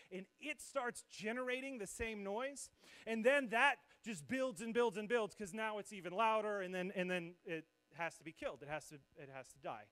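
A young man leads a church service as worship pastor, his voice sitting fairly high for a man. He speaks into a stage microphone in a loose, conversational way. He pokes fun at himself as he explains things. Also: fairly bright tone. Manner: conversational, self-deprecating, explains with asides. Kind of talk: sermon. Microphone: handheld or stage microphone.

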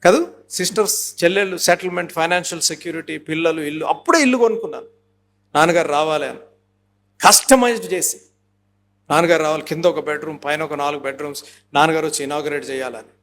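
A man's voice: on the high side, quick pace, a bit bright, slight background noise. A man in his fifties preaching a sermon as pastor, emphatic and driving, slipping English phrases into his talk and acting out little dialogues.

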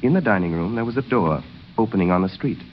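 A man's voice: lowish voice, lively intonation, fast, close to an everyday voice. A man narrating a story as a scripted 1930s radio drama narrator. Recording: dull, noisy 1930s radio recording.

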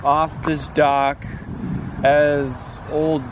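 An easygoing man with a slightly raised voice chats and jokes with a friend during a lakeside walk. He is caught on a nearby camera outdoors, and clear background noise runs under his voice. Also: on the high side, level tone, very slow, muffled recording. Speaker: friend of the host. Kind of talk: casual chat. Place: outdoors by a lake.

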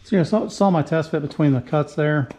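A man's voice: fairly high pitch, a little fast, dark tone. A middle-aged man explaining a woodworking project step by step as he works, in a casual, plain-spoken way, recorded on a camera mic in his home shop. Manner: plain-spoken, step-by-step, talks through each move as he works. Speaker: woodworking channel host. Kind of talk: casual how-to narration while working. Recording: echoey garage shop with faint noise.

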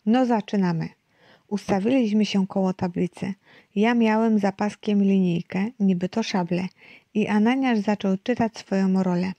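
Mellow-voiced woman reading a children's story. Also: medium pitch, fairly even intonation, moderate pace, no room sound. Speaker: narrator.

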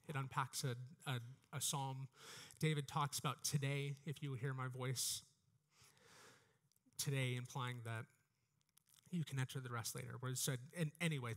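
An earnest sermon comes from a preacher in his thirties, American-accented, talking into a headset mic on a church stage indoors. His pitch is medium, his tone fairly bright, and his exhortations lean on repeated phrases.

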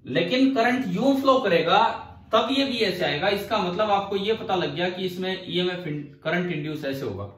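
High-voiced male teacher in an echoey room. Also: expressive, normal speed, fairly bright tone, far from the mic. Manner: asks the class questions and answers them himself; repeats key phrases to drive points home. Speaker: physics teacher. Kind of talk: classroom physics lecture.

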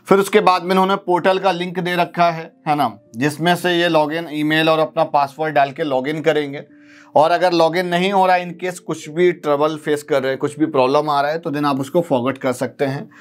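A man in his thirties explaining a step-by-step process to students in a teaching video, often checking in with a quick question. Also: fairly high pitch, fairly even intonation, soft background music. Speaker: counselling guide. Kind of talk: explanatory lesson. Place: studio with blackboard.

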